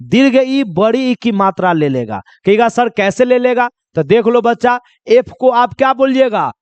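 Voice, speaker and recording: A man teaching English pronunciation in a classroom-style lesson, asking questions and answering them himself, and slowly spelling out letters. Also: very high-pitched, sing-song, no room sound. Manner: repetitive call-and-answer teaching, asking then answering his own questions; drawn-out slow spelling of letters.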